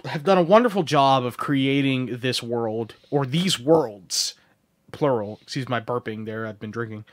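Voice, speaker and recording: A man's voice: mid-range voice, measured pace, slight background noise. A young man hosting a casual podcast chat, rambling, laughing easily and swearing as he talks. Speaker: podcast host.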